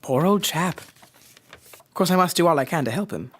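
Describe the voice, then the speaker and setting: An actor playing a genial, loyal Victorian gentleman doctor in an audio drama, speaking politely and in measured phrases. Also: fairly high pitch, lively intonation, soft background music. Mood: concerned, decisive.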